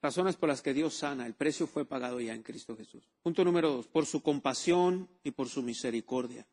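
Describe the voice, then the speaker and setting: A man's voice: medium pitch, moderate pace, darkish tone, breathy edge. A man preaching a sermon, repeating key words and asking the congregation for amens. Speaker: pastor.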